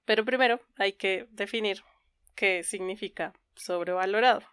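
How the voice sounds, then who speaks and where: A woman's voice: mid-range voice, moderate pace, a bit bright, clean tone, dry recording, studio quality. A woman co-hosting a podcast in casual chat, giggly and informal, often poking fun at herself. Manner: giggly, frequently laughing. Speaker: podcast co-host.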